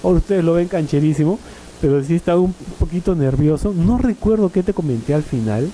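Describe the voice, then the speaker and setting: A man's voice: fairly high pitch, expressive, fairly quick, dark tone, a little hiss or hum, poor audio. A middle-aged man tells rambling anecdotes at a panel, with frequent tag questions and fillers. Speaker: panel speaker.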